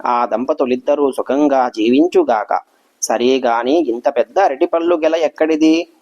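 A man's voice: mid-range voice, measured pace, a little mellow, dull audio, natural voice. A man voicing a revered elderly male sage who speaks with kindly authority. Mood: benevolent. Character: revered old male sage, gentle yet commanding.

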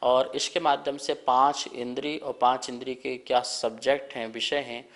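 A man leads a televised scripture lesson. His pitch is unremarkable, and he talks in a calm, measured way. He breaks words into sounds and coaches careful pronunciation, pausing for the class to repeat. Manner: calm, deliberate explaining with careful pronunciation drills; leads call-and-response recitation. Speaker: religious teacher leading a scripture class.

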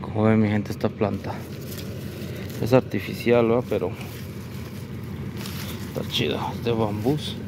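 Narrating for his viewers, a vlogger sorts through curbside garbage on a residential street, wearing an action camera on his chest. His fairly low voice has fairly even intonation and a measured pace with frequent pauses, and he chattily keeps addressing "mi gente" as loud street noise fills the background.

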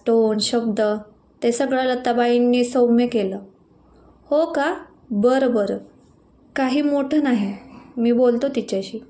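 A woman narrating an emotional family story in a gentle, expressive way. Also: a little high. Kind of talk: scripted narration.

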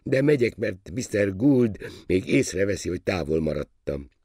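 An older man voicing a naive, solemn young nobleman, speaking high, formal and polite. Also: very animated, mellow, slightly rough, no echo, clean studio sound.

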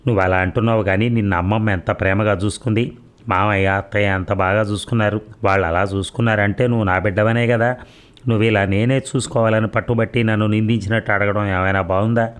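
A male storyteller voices a tearful middle-aged mother who pleads and complains plaintively, sounding defensive. He keeps the pitch low and close to his plain reading voice, steady, fast and smooth, much like everyday speech. It's storybook narration rather than a stage performance.

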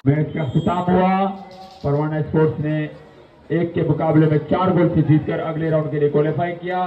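A man's voice: fairly high pitch, little pitch movement, a little fast, reverberant, background noise. A man making formal announcements over the public address at a night football match. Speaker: stadium announcer. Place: outdoor football stadium at night. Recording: tinny loudspeaker heard from far off with crowd.

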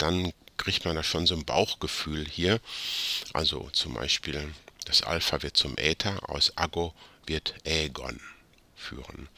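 Gravelly deep-voiced man tutoring. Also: bright, forceful tone, no echo. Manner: rambling, self-correcting, joking asides. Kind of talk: casual grammar lesson.

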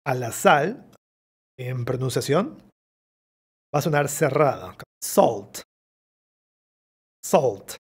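A man with a Mexican Spanish accent, an English teacher giving a vocabulary lesson and repeating each English word slowly to model its pronunciation. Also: mid-range voice, expressive, breathy edge.

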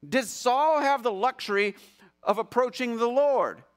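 A man preaching a sermon as pastor, animated, swinging from loud emphasis to hushed tones and acting out voices from scripture. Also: very high voice, a little slow, clear, resonant tone. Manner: acts out biblical voices mid-sermon.

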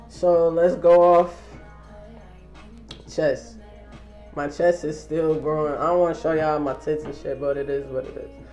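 A young man with a fairly high pitch and darkish tone vlogs casually to a camera held at arm's length. He's in a small wood-paneled room, relaxed and slangy, swearing freely as he gives his update.

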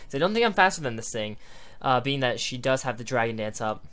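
A man's voice: mid-range voice, animated, quick pace, fairly bright tone, clear, resonant tone. A man doing live commentary on an online game battle, thinking aloud in a rambling way and hiccuping now and then. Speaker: gaming YouTuber.

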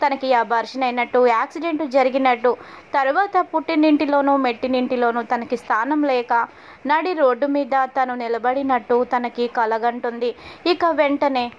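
A woman hosting her channel, narrating a serial episode recap in fast storytelling style. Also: high-pitched. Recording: dull lo-fi audio.

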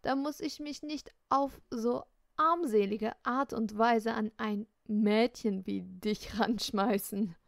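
A woman's voice: on the high side, steady tone, slow, creaky, dry recording, studio quality. Woman playing a smug, cocky teenage boy. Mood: smug teasing. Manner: smug, teasing, self-satisfied. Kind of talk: audiobook reading of a novel.

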